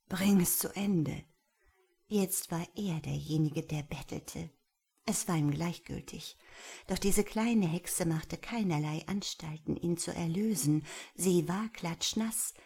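A woman narrating an erotic audiobook in a breathy, half-whispered reading. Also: sits low, dark tone.

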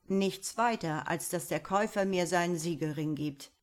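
A woman voicing a young simpleton hero who answers calmly and cheekily. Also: on the low side, normal speed, close to an everyday voice. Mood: sly.

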